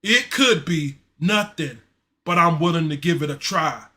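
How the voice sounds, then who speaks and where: Bright, slangy male stream host. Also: fairly high pitch, a little slow. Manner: loose, slangy, animated, reads chat messages aloud. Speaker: sports show host. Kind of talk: casual live-stream commentary. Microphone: streaming mic.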